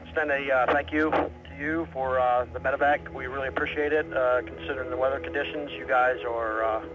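A village public safety officer calling over a marine radio, speaking haltingly with many fillers. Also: male voice, medium pitch, steady tone. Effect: heard over a marine radio. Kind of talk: radio call. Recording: dull lo-fi radio sound.

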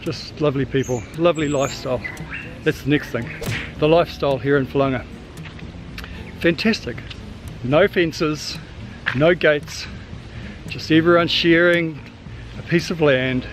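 A man's voice: on the high side, a little slow, pauses often, poor audio. A man in his fifties with a New Zealand accent, chatting casually as he walks and films a sailing vlog on a tropical island. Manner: chatty, upbeat, teasing. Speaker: sailing vlogger. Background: music.

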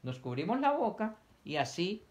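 A man's voice: high voice, sing-song, normal speed. A man teaching young children, reading a picture book aloud, asking them questions and acting out sneezes and coughs.

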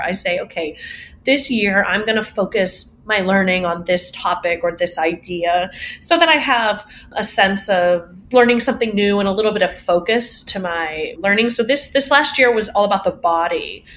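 A woman voice teacher answering interview questions in a casual, animated way, laughing often and poking fun at herself. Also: mid-range voice, moderate pace, a little hiss or hum. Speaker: voice teacher guest.

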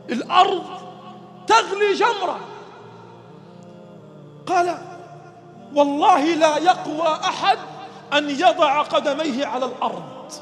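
Man, very high voice, fervent sermon storytelling, emotional shouts, long hall echo, faint music behind. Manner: emotional, rising to shouts and sobbing cries. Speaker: preacher.

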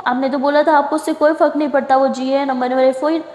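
A woman voicing a caring young woman who probes gently and teases. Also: high-pitched, fairly even intonation, fast, lo-fi sound, natural voice. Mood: probing. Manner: gently probing. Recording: roomy echo with long reverb.

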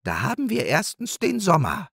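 A vain little male hare poet struts through a bedtime storybook, put on by a man. His voice climbs high and lively as he hands out orders. The sound is dry and close. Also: moderate pace, vocal fry, husky, no room sound, exaggerated voice. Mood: pompous. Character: pompous male hare poet, proud and bossy.

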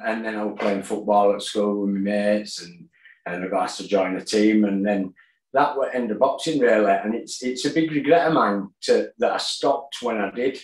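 A boxer and gym owner, guesting on a video-call interview, tells his story plainly with fillers and pauses in a voice on the low side. He's speaking via tablet from his kitchen at home, and the room is echoey.

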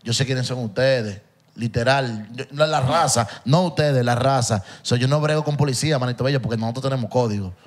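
A man's voice: medium pitch, a little fast. A man, a comedian guest on a podcast, telling a story in emphatic, repetitive bursts in casual chat.

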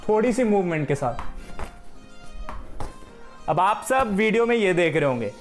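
A man's voice: high voice, very animated, measured pace, soft background music. A young man from Haryana, giving a friendly cricket drill tutorial in a room at home, speaking to a camera across the room. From Haryana, India. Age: young adult. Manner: friendly instructive, addresses viewers as friends. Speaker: cricket coach.

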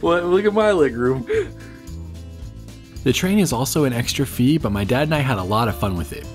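A man in his thirties talks through a travel vlog in an upbeat, informative way, laughing easily as he goes. He films himself outdoors with the camera held out at arm's length, and soft music plays quietly behind him. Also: mid-range voice, animated, normal speed. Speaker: travel vlogger. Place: outdoors in the desert, on foot.

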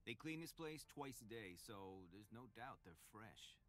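A man's voice: fairly low pitch, lively intonation, a little slow, a bit bright. A man voicing a chatty, nervous male police officer with a Boston accent in a video game. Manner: rambling, eager to please.

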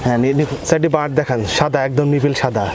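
A man's voice: medium pitch, steady tone, fast talker, crowd noise. A middle-aged man from Bangladesh, a dairy farmer, talking eagerly and repeating himself as he shows his calves outdoors on a lapel mic. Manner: eager, repetitive, stumbles over words. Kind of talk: casual sales talk. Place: outdoors at a farm. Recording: outdoor noise behind.

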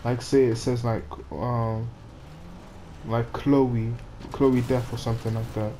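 A man's voice: medium pitch, little pitch movement, slow, warm tone, a little hiss or hum. A man giving live gameplay commentary, frustrated and swearing at the game as he plays. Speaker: gamer playing on stream.

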